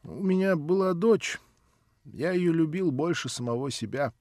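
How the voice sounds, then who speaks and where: A man's voice: fairly high pitch, expressive, normal speed, darkish tone, no room sound, clean studio sound, pitched above the performer's own voice, lightly acted. A man reading a grieving old man. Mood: pleading.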